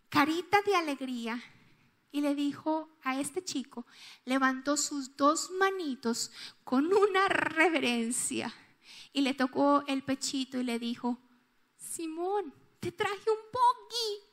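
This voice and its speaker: A woman pastor with a Colombian accent preaching a sermon, telling a personal story with strong emotion, moving from loud outbursts to hushed tones. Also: high-pitched, takes it slowly. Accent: Colombian Spanish.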